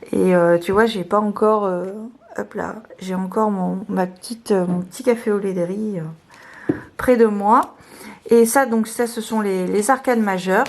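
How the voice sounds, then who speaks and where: A woman presenting her tarot decks in a casual video, talking hesitantly with many fillers and restarts, a little hoarse. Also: medium pitch, steady tone, a little slow, a little mellow. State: slightly hoarse, clearing her throat.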